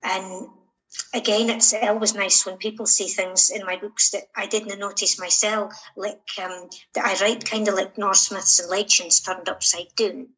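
Female writer as interview guest, Shetland Scottish. Bright, clear-cut tone, hesitant conversational delivery. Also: medium pitch, level tone, measured pace, rough recording. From Shetland, Scotland.

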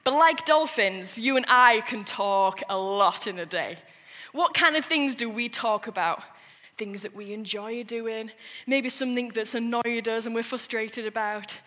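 A woman giving a lively, playful sermon to children in church. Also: on the high side, unhurried, in a large hall. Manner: lively, animated, playful with the kids.

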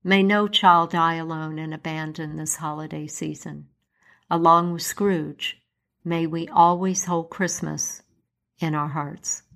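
A woman's voice: low voice, steady tone, a little slow, gravelly, fairly bright tone. A woman storyteller reading a classic tale aloud and then sharing her own earnest reflection.

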